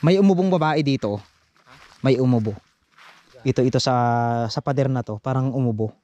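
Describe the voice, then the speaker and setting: A man vlogging as he explores an abandoned forest site outdoors, talking in tense, hushed phrases. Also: mid-range voice, brisk, lo-fi sound. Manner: tense, wary, talks in short hushed phrases. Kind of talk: hushed exploration vlog narration.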